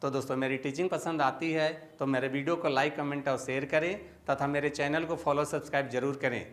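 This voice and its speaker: A man teaching English pronunciation in Hindi, saying each example word slowly and separately, one word at a time. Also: a little high, steady tone, fairly bright tone. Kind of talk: slow, deliberate Hindi lesson, reading out word lists.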